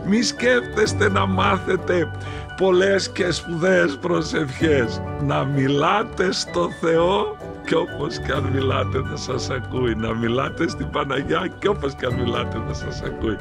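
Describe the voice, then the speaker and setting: A priest telling a parable in an animated, heartfelt sermon. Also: male voice, fairly high pitch, vocal fry. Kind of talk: storytelling sermon. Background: music.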